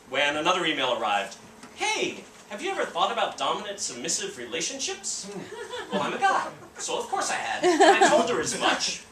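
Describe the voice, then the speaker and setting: A man's voice: high voice, sharp tone, roomy sound, distant mic, a little hiss or hum. A man telling a funny true story at a live storytelling night, wry and self-mocking.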